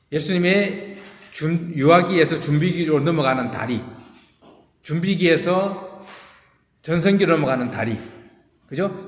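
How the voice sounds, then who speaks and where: A man as a pastor leading a casual Bible study, relaxed and rambling with many fillers and restarts. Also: fairly high pitch. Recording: echoey room with long reverb.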